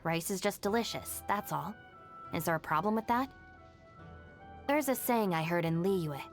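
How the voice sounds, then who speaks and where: Kuki Shinobu, low-voiced, level-headed. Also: female voice, expressive, moderate pace. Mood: calm, assured. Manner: composed, matter-of-fact, dry. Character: level-headed, self-reliant young woman, deputy of a rowdy gang. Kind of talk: scripted video game character voice lines. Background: background music.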